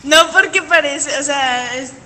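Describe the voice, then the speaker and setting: A woman's voice: sits high, a little slow, sharp tone. A woman student on a video call, shy and unsure of her French pronunciation. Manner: shy, unsure, laughs nervously. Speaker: singing student.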